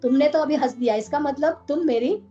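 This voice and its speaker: A woman's voice: sits high, fairly quick, dark tone, faint music behind, voice pushed up, natural voice. A woman voicing a sulky boastful young god. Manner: sulking, childish boasting. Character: proud playful young god boy, sulky. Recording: dull lo-fi recording.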